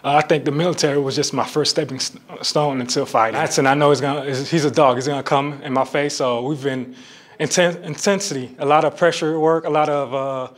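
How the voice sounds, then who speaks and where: A man's voice: fairly high pitch, steady tone, brisk. Confident man in his thirties from Haiti. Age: 30s. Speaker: fighter. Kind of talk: pre-fight interview.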